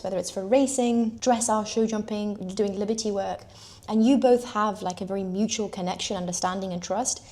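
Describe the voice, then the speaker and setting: Young british woman, casual storyteller, middle pitch, chatty and animated. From United Kingdom. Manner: chatty, lots of "like", animated retelling. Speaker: equestrian telling her story. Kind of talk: personal storytelling.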